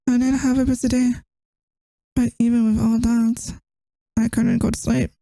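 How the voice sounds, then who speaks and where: A woman's voice: on the high side, level tone, normal speed, dry recording, natural voice, low-quality recording. A woman playing a tired, affectionate girlfriend who misses her partner, in a tender, intimate ASMR role-play. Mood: tired, soft. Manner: tender, intimate, soft-spoken.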